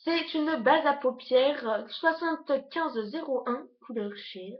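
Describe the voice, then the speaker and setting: Hurried, chatty young woman reviewing makeup. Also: sits high, lo-fi sound. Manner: hurried, chatty, many fillers. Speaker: beauty vlogger. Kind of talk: casual product review. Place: on her bed at home, indoors.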